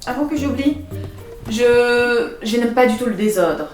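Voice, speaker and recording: A woman's voice: a little high, animated, a little slow, darkish tone, reverberant, distant mic, soft background music. An actress playing a prim, fussy young woman who lectures her new roommate about noise and manners. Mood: lecturing. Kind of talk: web series acting.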